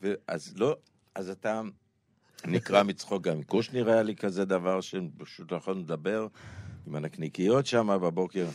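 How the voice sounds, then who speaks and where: A man guesting in a radio studio, telling rambling, animated stories about his comedy work. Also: sits low, dry recording. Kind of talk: talk show conversation.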